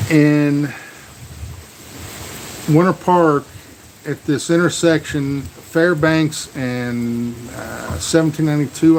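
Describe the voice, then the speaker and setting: On a rough recording with a little hiss or hum, an American livestream host with a slightly high voice chats by a truck in the rain. It's a casual storm vlog, and he rambles in a folksy manner, repeating words.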